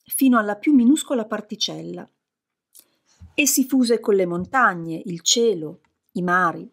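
A woman narrating an audiobook in a steady, reflective reading style. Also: mid-range voice. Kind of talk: scripted narration.

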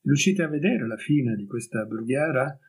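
A man reading the lines of a gentle, mysterious young noblewoman in an audiobook story, in a soft, dreamy and dignified way. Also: medium pitch, animated, normal speed, husky, rough recording.

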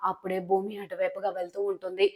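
A woman narrating a recap of a TV serial episode in a steady retelling style. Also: mid-range voice, fast talker. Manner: steady retelling with frequent connective phrases.

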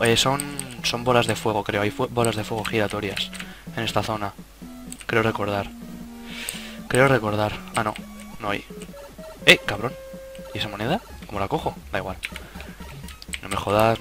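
A young man with a Spain Spanish accent talks through a platform game in a fairly low voice. He swears casually and keeps breaking off his own sentences. Game music plays loudly behind him. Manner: casual, swearing, self-interrupting. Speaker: gaming YouTuber. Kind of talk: let's play commentary.

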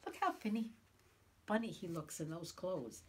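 A woman's voice: on the low side, normal speed, breathy edge. A woman voicing a clever, sweet-talking wife as she reads a storybook aloud, soothing and sly. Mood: coaxing.

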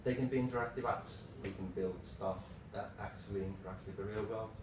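A developer delivers a relaxed lightning talk with slides, his low voice coming in short, broken phrases with fairly even intonation at a brisk clip. A far camera mic catches him from across a small meeting room, so the sound is roomy and reflective with clearly audible background noise.

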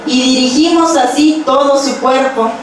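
A young woman preaching a sermon at a church pulpit with a handheld mic, reading scripture verses aloud in a steady, measured way. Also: high voice, over loud music. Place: church stage with pulpit and instruments. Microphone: handheld microphone. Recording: very echoey church hall, from far off.

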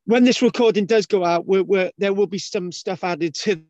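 Here a male host, a native English speaker, leads an informal video-call conversation in a high, slightly mellow voice at a moderate pace. His talk meanders, restarting frequently and padded with fillers and repeated "right?". The dull, lo-fi call audio carries no echo.

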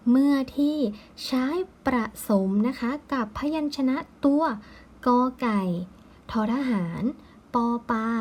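A woman teacher giving a patient, slow recorded lesson, ending her phrases with polite particles. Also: on the high side, darkish tone, a little hiss or hum.

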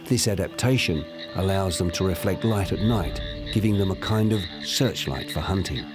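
A man reading scripted nature documentary narration in a measured, storytelling manner. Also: deep voice, over music.

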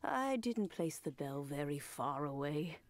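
Doting game granny, slow n creaky, lilting, music behind. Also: female voice, low voice, big pitch swings, noisy background. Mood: kindly, unhurried. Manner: doting grandparent, unhurried and gently apologetic. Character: kindly old granny with a mysterious teapot. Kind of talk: video game character dialogue.

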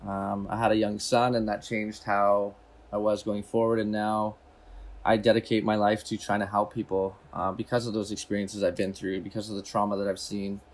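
A young man speaks from his kitchen over a video call, his voice fairly low and flat. He talks in a steady, earnest way. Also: normal speed. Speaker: mental health advocate. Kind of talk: interview talk. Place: kitchen, indoors.

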